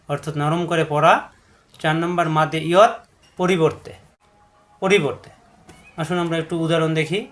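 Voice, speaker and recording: Patient man teaching tajweed, higher voice. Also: a bit bright. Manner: patient, repetitive, drawing out syllables to demonstrate. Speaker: Quran recitation teacher. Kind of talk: step-by-step tajweed lesson.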